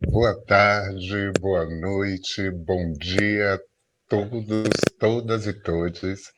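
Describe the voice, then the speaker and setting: A man with a very deep, low voice moderates an online panel over a video call. He speaks in a measured, ceremonious way. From Salvador, Bahia, Brazil. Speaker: debate mediator.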